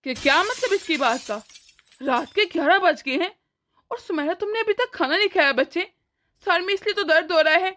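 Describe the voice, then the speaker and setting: A woman voicing a caring, protective older brother in an animated family story, firm and scolding yet affectionate. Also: extremely high pitch, fairly quick, full character voice. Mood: stern. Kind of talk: animated cartoon voice acting.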